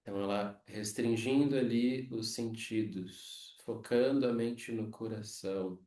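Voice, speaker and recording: A Brazilian man teaching a yoga philosophy class, explaining slowly and checking in with frequent tag questions. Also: on the low side, mellow. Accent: Brazilian Portuguese. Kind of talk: lecture on scripture. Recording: echoey room, mic far off.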